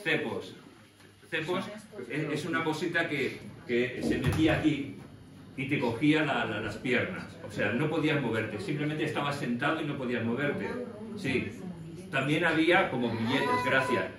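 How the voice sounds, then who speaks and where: Preacher in an echoey room. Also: male voice, mid-range voice, moderate pace, far from the mic, a crowd in the background. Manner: animated storytelling with acted-out voices. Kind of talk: lively sermon. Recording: echoey room from afar with faint noise.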